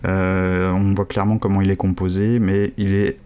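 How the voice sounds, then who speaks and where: A man giving a casual language lesson, talking in a halting way with many restarts and bits of slang. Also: low-pitched, little pitch movement, dark tone, smooth. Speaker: Chinese language teacher.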